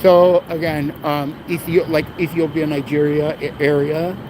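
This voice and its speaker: A man talks in a relaxed, agreeable way, often nodding along with "yeah" and "absolutely." His voice sits a little high, and he is recording himself on a phone for a livestream outside. Loud traffic and street sound fill the background. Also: measured pace. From United States. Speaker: livestreamer and protester. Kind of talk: casual street conversation on a livestream. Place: outdoors on a city street with traffic. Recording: outdoor street noise and passing cars.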